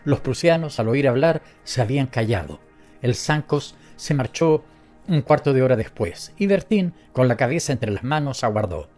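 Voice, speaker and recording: A man narrating a story as an audiobook reader, in a steady, measured way. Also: medium pitch, faint music behind.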